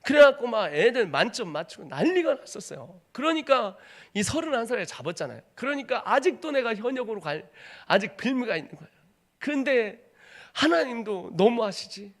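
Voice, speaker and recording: A man in his thirties, a missionary preacher, telling a personal testimony in a sermon with dramatic storytelling, dropping to a hush and rising to shouts. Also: extremely high pitch, big pitch swings, normal speed. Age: 30s. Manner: dramatic storytelling, acts out voices, swings from hushed to shouting.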